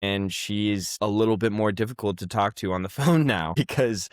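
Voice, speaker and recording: Low, smooth-voiced young man chatting. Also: normal speed, no echo, studio quality. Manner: rambling storytelling with many fillers. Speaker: podcast co-host. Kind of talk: casual chat.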